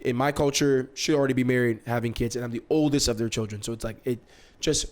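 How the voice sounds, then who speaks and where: A young man from Nigeria hosts a podcast and talks in a loose, chatty way. His voice sits at a middle pitch, and he slips into quoted lines with bursts of laughter. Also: fast. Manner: animated, acts out quotes with laughter. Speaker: podcast host. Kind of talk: casual storytelling chat.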